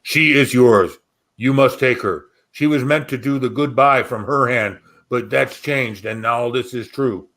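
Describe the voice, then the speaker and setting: A man's voice: mid-range voice, measured pace, fairly bright tone. A man reading the muddled answers of a magic mirror in a spooky story, in solemn, garbled oracle phrasing. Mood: cryptic. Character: cryptic magic mirror spelling out muddled prophecies.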